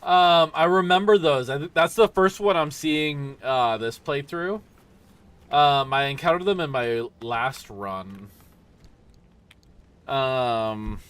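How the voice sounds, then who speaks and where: A man's voice: mid-range voice, fairly bright tone, clear, resonant tone. A tired man casually commenting on a driving game as he plays, rambling and yawning with lots of fillers. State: sleepy. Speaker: streamer.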